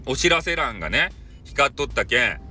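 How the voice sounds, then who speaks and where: A man's voice: medium pitch, big pitch swings, moderate pace, bright, forceful tone, breathy edge, soft background music. A man with a Hakata dialect, chatting casually and jokingly as the host of a solo podcast. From Fukuoka, Japan. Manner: chatty, jokey, mixes dialect into polite speech.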